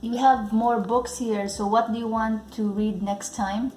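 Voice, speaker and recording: A woman, a parent, chatting casually in a home vlog and gently prompting her child with simple questions. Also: a little high, steady tone, unhurried, slight background noise. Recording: roomy echo.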